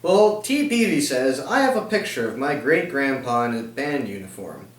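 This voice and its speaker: A man's voice: mid-range voice, expressive, moderate pace. A man co-hosting a casual comic chat, reading out questions and playfully querying the answers. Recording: roomy, echoey, distant microphone.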